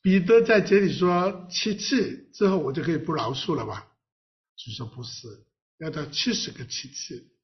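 A man's voice: fairly high pitch, moderate pace. A man pastor preaching a sermon in a playful way, full of rhetorical questions and reading scripture aloud. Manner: reads scripture aloud with the congregation. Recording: dull lo-fi recording.

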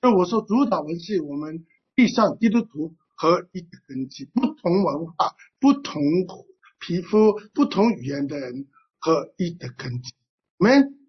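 A pastor preaching a sermon with fervor, often clearing the throat and filling pauses with "ah". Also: medium pitch, lively intonation. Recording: dull lo-fi recording.

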